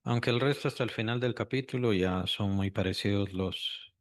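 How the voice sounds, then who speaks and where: A man's voice: fairly low pitch, moderate pace. A man teaching a Sunday school Bible lesson, asking the class questions and repeating key phrases.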